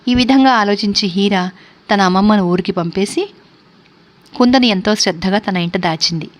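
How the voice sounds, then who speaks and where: Lady reading a story out loud, calm and steady, middle pitch. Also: moderate pace. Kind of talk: storybook narration.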